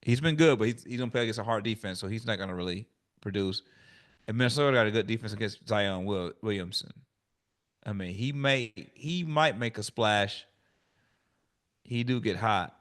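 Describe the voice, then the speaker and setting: A man co-hosting a podcast, weighing fantasy basketball picks in a hesitant, halting way. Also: fairly low pitch, fairly bright tone. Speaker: podcast co-host. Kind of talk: casual sports chat.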